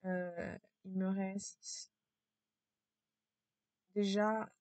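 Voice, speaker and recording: A woman talking to camera in a casual vlog with a low, strained voice, hesitant and repetitive, full of fillers and restarts. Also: level tone, extremely slow, a little mellow, no echo. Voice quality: low, gravelly voice.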